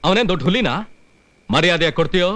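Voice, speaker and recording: A brash young village tease. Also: male voice, sits high, expressive, heavy background noise. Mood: menacing. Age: young adult. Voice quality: fast, brash. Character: brash young village man, teasing bully. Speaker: film hero. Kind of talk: 1990s film drama.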